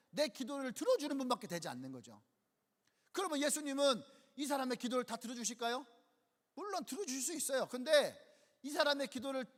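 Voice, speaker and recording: A male pastor preaches a sermon in a church sanctuary. He keeps asking his listeners rhetorical questions and acts out quoted speech. His voice is very high, with a long reverb from the hall.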